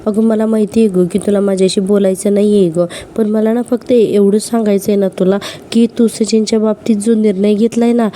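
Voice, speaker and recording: A woman's voice: mid-range voice, fairly even intonation, fairly quick, warm tone, a little hiss or hum, lightly acted. A woman voicing a sly young wife who talks in a sugary, ingratiating way. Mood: fawning.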